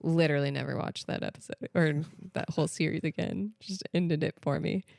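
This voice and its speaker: An American woman co-hosting a podcast, talking in a chatty, animated way full of "like" and "literally". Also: low-pitched, brisk, creaky, dry recording, clean studio sound. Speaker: podcast co-host. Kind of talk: casual chat.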